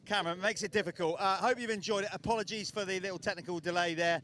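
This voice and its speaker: Male sports co-presenter, high-pitched, matey and chatty, casual live outdoor sign-off. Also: fairly even intonation, fast talker, pushed and bright, slight background noise. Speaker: broadcast co-presenter. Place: outdoors at a race track.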